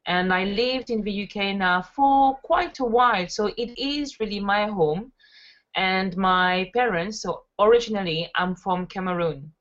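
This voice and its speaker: Speaking a little slowly in a mid-pitched, slightly bright voice, a French network marketer in her thirties shares stories as an interview guest. The chat is casual and heavy on fillers, and the recording sounds dull and lo-fi.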